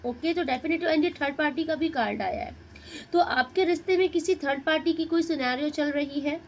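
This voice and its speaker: High-voiced woman giving a tarot reading. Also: moderate pace, a little hiss or hum, rough recording. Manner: Hindi-English mix, addresses viewer directly, muses over cards. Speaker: tarot reader.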